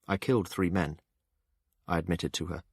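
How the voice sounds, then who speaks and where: Low-voiced male audiobook narrator. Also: fairly even intonation, moderate pace, slightly rough, no echo, studio quality. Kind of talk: first-person fantasy narration.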